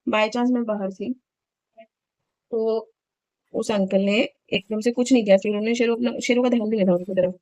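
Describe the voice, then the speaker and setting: A woman's voice: a little high, steady tone, normal speed, pauses often, darkish tone, no room sound, low-quality recording. A woman in her thirties chatting casually in a home vlog, telling a story in an indignant, talkative way. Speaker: vlogger.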